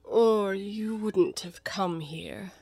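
Storybook mad cat: unhurried drawl, breathy edges, good-natured and matter-of-fact, close dry sound. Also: female voice, mid-range voice, darkish tone, no room sound, heavily acted. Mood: smug, unhurried. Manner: slow, drawn-out, matter-of-fact riddling.

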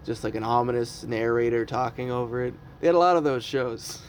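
This comedian podcast host, a man in his early thirties, rambles through a casual chat full of self-mocking humor and frequent laughs. His mid-range voice moves briskly, and there's a little hiss or hum in the recording.

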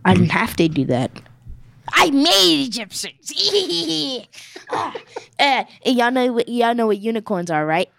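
Playful young woman improvising, lively swooping pitch. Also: a little slow, no room sound. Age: teen or young adult. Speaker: podcast guest. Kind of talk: improv game role-play.

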